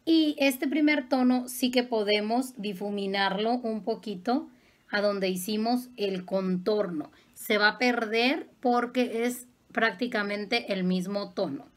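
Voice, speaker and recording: A woman's voice: mid-range voice, slow pace. A woman, a makeup artist giving a patient, affectionate step-by-step makeup tutorial.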